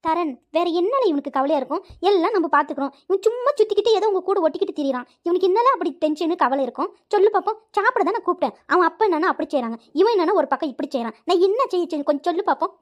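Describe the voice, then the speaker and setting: Woman voicing a shrill scolding village mother. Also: animated, very fast, few pauses, muffled recording. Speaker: cartoon voice actor.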